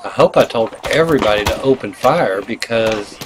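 Man, lowish voice, casual gameplay commentary, jumpy, loud clicks and gunfire under him. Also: moderate pace, background noise. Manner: excitable, bursts of sudden alarm. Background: game gunfire and clicks.

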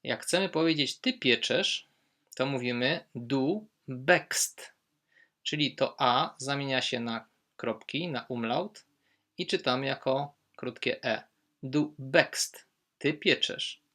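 A male German teacher talks through verb endings in a slow, unhurried way. His voice is bright and clear, and he calmly leans on each example word he wants learners to remember. It sounds like an online lesson recording. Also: mid-range voice. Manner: patient, explains step by step, stresses German example words.

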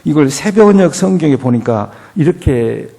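A man preaching a sermon as pastor at a church, asking rhetorical questions and swinging from quiet to loud. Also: fairly high pitch, animated, moderate pace, vocal fry.

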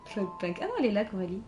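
Chatty woman streamer, faint game music. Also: mid-range voice. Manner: chatty, chuckling, reads chat aloud. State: tired, late at night. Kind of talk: casual live-stream chat.

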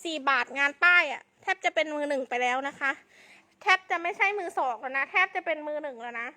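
A woman selling clothing on a live stream uses a piercingly high, sharp voice. Her hype delivery is fast, and she keeps insistently repeating the same sales lines.

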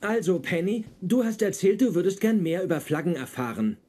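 A man dubs a sitcom role: a pedantic, socially awkward genius physicist who talks in a precise, formal, stiff manner. His high-sitting voice is expressive and a little fast, with a prim mood, over a noisy background.

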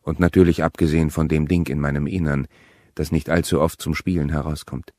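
Male audiobook reader, very low voice, calm and measured, dry close mic. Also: no room sound. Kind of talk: audiobook narration.

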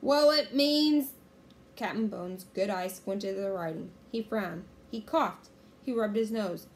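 A woman reading a children's chapter book aloud in a clear, steady storytelling manner. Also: medium pitch, unhurried, a little hiss or hum.

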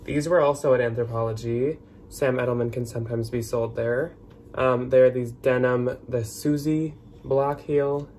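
A man's voice: mid-range voice, steady tone, normal speed, darkish tone, slight background noise. A man in his twenties with an American accent, hosting in a casual, chatty vlog style. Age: 20s. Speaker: host. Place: small plain room indoors.

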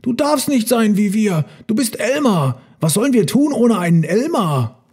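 A man reading a storybook aloud, voicing a boisterous herd of jungle elephants in an excited, squeaky voice. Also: normal speed, breathy edge, full character voice. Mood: dismayed.

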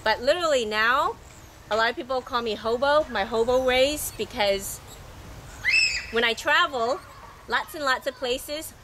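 Middle-aged woman, sailing vlogger, scratchy voice, higher register, easygoing and rambling. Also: unhurried. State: scratchy, recovering from losing her voice. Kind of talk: casual unscripted monologue to camera.

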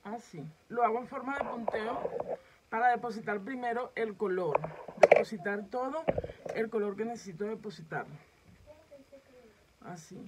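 A woman's voice: fairly high pitch, normal speed, long pauses, very noisy. A woman makeup vlogger demonstrating a makeup tutorial, chatting directly to her viewers as she films herself at home. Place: home setup filming herself.

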